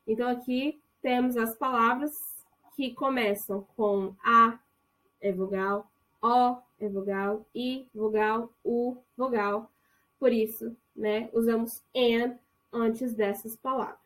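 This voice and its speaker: Woman from Brazil, online English teacher, higher voice, chatty, checks in often. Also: steady tone, a bit bright. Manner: chatty, checks in with "tá?", slows down to model English phrases. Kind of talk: online language lesson. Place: online course recording.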